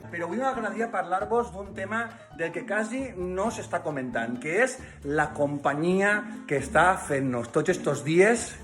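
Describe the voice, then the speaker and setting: A man's voice: sits high, lively intonation, unhurried, a bit bright. A man, joking playfully in a comic sketch vlog. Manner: playful, jokey, affectionate. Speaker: comedian and vlog host. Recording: echoey room with music behind.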